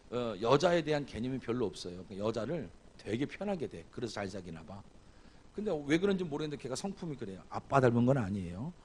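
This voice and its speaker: A man's voice: mid-range voice, a little mellow, slight background noise. A man preaching a revival sermon as guest pastor, asking the congregation questions and acting out dialogue from a family story. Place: church sanctuary.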